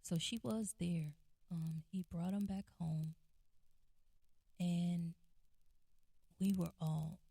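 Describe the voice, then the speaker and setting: A woman's voice: fairly low pitch, fairly even intonation, takes it slowly, gravelly, pauses often, dark tone, husky, dry recording. A woman telling a family story in a casual, rambling way, with restarts and quoted voices. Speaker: guest recounting a family memory.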